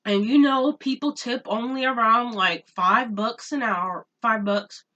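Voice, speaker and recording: A woman's voice: on the high side, unhurried, pushed and bright, distant mic, lo-fi sound. A young woman ranting in a casual home vlog, exasperated and repeating her points for emphasis. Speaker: vlogger. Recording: voice a bit off-mic.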